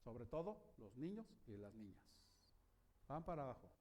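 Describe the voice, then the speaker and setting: A man preaching a sermon as pastor in a church, animated and asking the congregation questions. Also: mid-range voice, normal speed.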